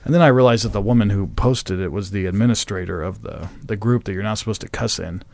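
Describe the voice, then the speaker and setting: A man's voice: fairly low pitch, quick pace, vocal fry, darkish tone, no echo. A man co-hosting a casual podcast, rambling, swearing freely and laughing at his own confusion. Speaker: podcast co-host.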